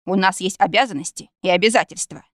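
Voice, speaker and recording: A woman voicing a composed male lord who speaks to his lover in a measured, patient way. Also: lowish voice, no echo, clean studio sound, natural voice.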